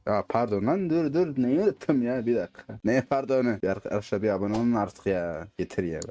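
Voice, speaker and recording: A man doing casual gameplay commentary, excitable and swearing when the game frustrates him, slipping into dialect when angry. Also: medium pitch, no echo. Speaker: gaming YouTuber. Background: faint game gunfire.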